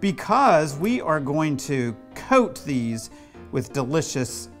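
A man's voice: fairly high pitch, very animated, takes it slowly, soft background music. A middle-aged man hosting a playful kitchen demonstration, giving step-by-step instructions in a teasing, slightly bossy way. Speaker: cooking show host, children's author. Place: home kitchen.

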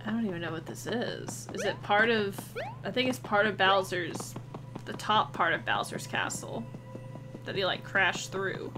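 A woman's voice: medium pitch, measured pace, music in the background, low-quality recording. A woman giving casual commentary as she plays a video game.

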